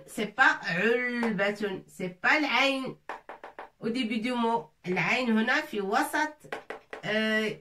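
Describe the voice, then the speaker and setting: A woman teaching with slow, unhurried patience, going over each word again and again syllable by syllable. Her voice sits a little back from the microphone. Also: a little high, a bit bright, distant mic, a little hiss or hum. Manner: patient, repeats words syllable by syllable. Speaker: Arabic teacher. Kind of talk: slow spelled-out language lesson.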